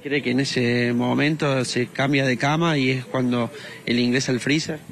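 A man's voice: mid-range voice, fairly even intonation, normal speed, gravelly. A man in his thirties with an Argentine accent reporting live and interviewing on a residential street with a handheld microphone. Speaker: field reporter. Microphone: handheld news microphone. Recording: noisy outdoor live broadcast.

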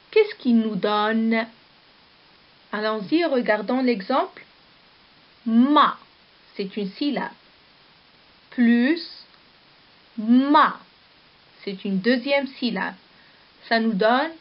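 A woman teacher giving a slow, deliberate lesson, spelling out letters and syllables one at a time. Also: on the high side. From Morocco. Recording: dull lo-fi video recording.

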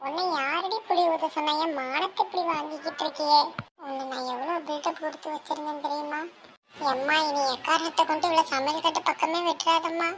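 An exasperated son, voiced by a woman who mocks his wife's cooking. The voice is very high and sharply bright, with faint background hiss. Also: fairly even intonation, a little fast. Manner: mocking, exasperated.

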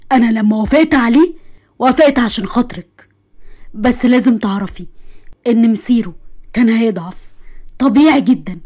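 A woman's voice: on the high side, darkish tone. A woman with an Egyptian accent voicing a stern middle-aged father who lectures his daughter firmly. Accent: Egyptian Arabic. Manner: lecturing, firm, told-you-so.

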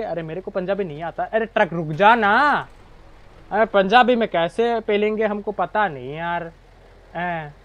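A young man giving casual, chatty gameplay commentary, full of excited exclamations. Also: high voice. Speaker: gaming YouTuber.

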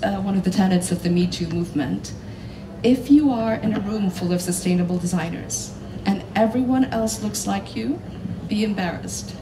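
Assertive woman journalist on a stage. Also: mid-range voice. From Dominican Republic. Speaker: journalist panellist. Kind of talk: panel talk on stage. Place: large hall on stage. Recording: roomy hall, mic at a distance, noisy.

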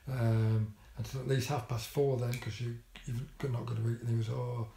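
A man's voice: medium pitch, little pitch movement, moderate pace, vocal fry, mellow, slight background noise. An older man telling a story about his hospital visit in a casual vlog, with dry, wry humour and many ums and restarts. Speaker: vlogger. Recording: echoey room.

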